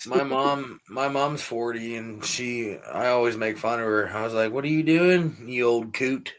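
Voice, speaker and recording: A man in his early twenties chatting casually, relaxed and swearing freely. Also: medium pitch, moderate pace, a little hiss or hum. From Pennsylvania. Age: 20s. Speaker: chat participant. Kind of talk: casual chat.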